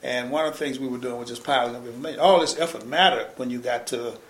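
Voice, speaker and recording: An older man being interviewed, recalling past events in quick, emphatic bursts full of restarts and repeated words. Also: medium pitch, a bit bright. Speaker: interviewee, former civil rights organizer. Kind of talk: oral history interview, reminiscing. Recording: roomy echo.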